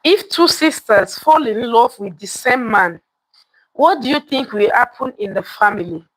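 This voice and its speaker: A woman hosting live storytelling tells a folktale to viewers, repeating lines for emphasis and asking her listeners questions. Her fairly high voice is expressive and a little slow, and the audio is poor with no room sound.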